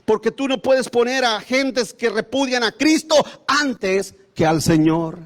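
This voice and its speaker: A man's voice: very high-pitched, measured pace. A male pastor preaching an impassioned sermon, repeating his phrases and calling listeners brother. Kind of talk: fiery sermon.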